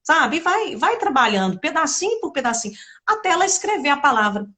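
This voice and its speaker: A woman's voice: sits high, sing-song, brisk, sharp tone. A woman with a Brazilian Portuguese accent, a literacy teacher chatting casually on a live stream and explaining step by step. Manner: chatty, explains step by step, acts out children's voices.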